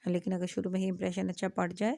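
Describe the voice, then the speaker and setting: A woman's voice: lowish voice, monotone, creaky, dark tone, dry recording. A young adult woman teaching an Urdu writing lesson, explaining step by step and spelling words letter by letter, often checking with her students. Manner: frequent "aa" fillers, asks "theek hai?". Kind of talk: classroom lecture.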